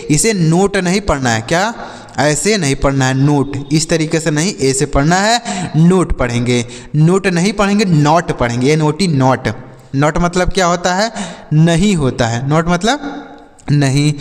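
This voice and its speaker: A man's voice: fairly high pitch, long reverb tail. A man teaching English phonics in a patient, repetitive way, asking questions and answering them himself. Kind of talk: Hindi-language phonics lesson.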